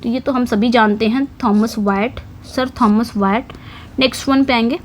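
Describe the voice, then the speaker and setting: A woman teaching English literature for exams, explaining each question in Hindi and reading the English slowly, repeating key words as she writes on a board. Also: on the high side, steady tone, slight background noise. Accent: Indian English. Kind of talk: exam-prep lesson.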